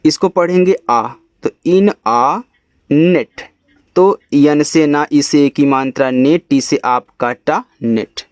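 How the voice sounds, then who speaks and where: Man slowly spelling out words. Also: a little high, dry recording. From India. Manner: spells words letter by letter, then slowly sounds them out. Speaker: English reading teacher. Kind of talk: step-by-step spelling lesson.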